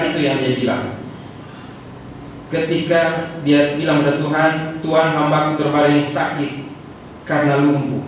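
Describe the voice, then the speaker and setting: Animated male preacher in echoey church. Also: a little high, a little hiss or hum. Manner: animated preaching, acting out quoted prayers. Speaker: pastor. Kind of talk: sermon. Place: church hall. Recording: echoey church hall from far off.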